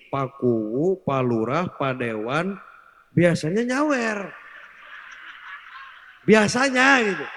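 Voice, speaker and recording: A male preacher giving a comic sermon, joking and teasing the crowd, mixing in Javanese words. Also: sits high. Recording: echoey hall, long reverb.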